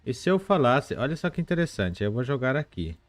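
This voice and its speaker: A man teaching a live online language lesson, explaining patiently and repeating words slowly, with chatty asides to viewers. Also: mid-range voice, very animated, no echo, faint music behind.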